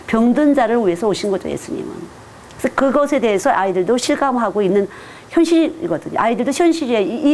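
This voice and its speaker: A woman's voice: on the high side, darkish tone, a little hiss or hum. A woman who is a children's missionary, giving a teacher-training lecture in an earnest, direct, conversational preaching manner.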